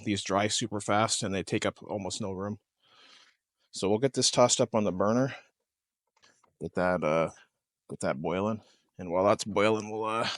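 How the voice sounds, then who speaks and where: A man vlogging casually from a lakeside campsite, talking in a relaxed, rambling way with lots of hesitations. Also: on the low side, dry recording, clean studio sound. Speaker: camping vlogger. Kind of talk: casual outdoor vlog.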